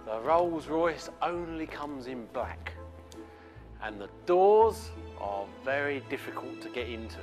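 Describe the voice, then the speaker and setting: A cheeky chatty prisoner. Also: male voice, medium pitch, animated, takes it slowly, soft background music. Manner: cheeky, rambling, calls the guard Gov. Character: chatty male prisoner, former car thief. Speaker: actor in a lesson sketch. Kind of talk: comic scripted sketch.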